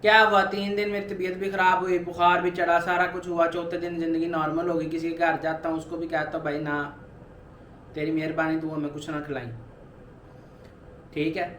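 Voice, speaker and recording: A man's voice: fairly high pitch, level tone, fairly quick, fairly bright tone, reverberant, slight background noise. A man in his twenties talking earnestly in a personal vlog, urging viewers on with repeated motivational points. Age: 20s. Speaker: vlogger. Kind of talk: personal weight-loss vlog.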